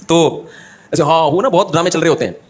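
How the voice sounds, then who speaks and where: A man's voice: on the high side, brisk, husky. A man giving a religious talk, telling humorous anecdotes and acting out the people in them. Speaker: Islamic scholar giving a talk.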